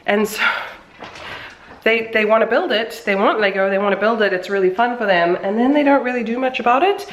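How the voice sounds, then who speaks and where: A woman's voice: a little high, a little fast, slight background noise, poor audio. A woman in her thirties chatting casually in a home vlog, rambling and self-deprecating, with a stuffy, nasal voice as if her nose is pinched. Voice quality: congested, pinched nasal sound. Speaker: vlogger, mother of young children.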